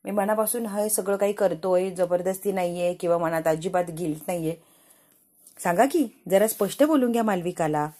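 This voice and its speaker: A calm young woman who speaks patiently and teases softly, as a woman puts her on. The voice is warm and mellow. It comes from a casual serial recap. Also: on the low side, normal speed, natural voice. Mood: gently teasing.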